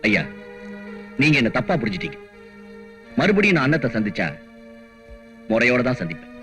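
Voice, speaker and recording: A man's voice: medium pitch, sing-song, fairly quick, pushed and bright, faint music behind. An actor playing a bashful, earnest young man in love in a film drama. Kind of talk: film dialogue.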